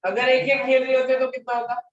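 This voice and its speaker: A man's voice: very high voice, monotone, brisk. A male math teacher giving a classroom lecture, repeating his questions and constantly prompting his students for answers. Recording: echoey room, distant mic, dull lo-fi sound.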